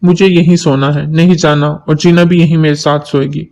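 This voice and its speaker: A man's voice: on the high side, little pitch movement, normal speed, vocal fry, darkish tone. A man voicing a stubborn, tearful young wife who pleads like a child in a story reading.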